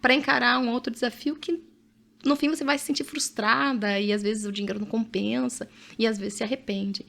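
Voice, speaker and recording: A woman's voice: fairly high pitch, steady tone, fairly quick, creaky, a bit bright. Chatty Brazilian woman podcast host. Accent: Brazilian Portuguese. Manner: chatty, often adds "né?", reads out facts with asides. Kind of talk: casual conversational podcast chat.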